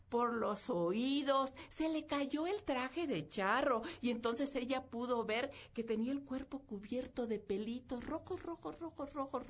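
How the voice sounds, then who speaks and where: A woman radio host telling a folk tale lively, speaking straight to her listeners. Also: on the high side. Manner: lively, addresses listeners directly.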